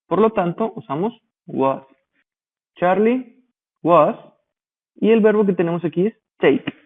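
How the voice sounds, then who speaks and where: A man's voice: high voice, expressive. Man teaching grammar over tinny audio. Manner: slow, spelled-out explanations with checking questions. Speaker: English teacher. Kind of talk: grammar lesson explanation.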